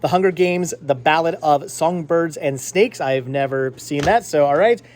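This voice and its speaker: A man hosts a casual vlog, chatting rambly to the camera and friends and repeating words for emphasis. His voice is on the high side and darkish, at normal speed, with a little hiss or hum.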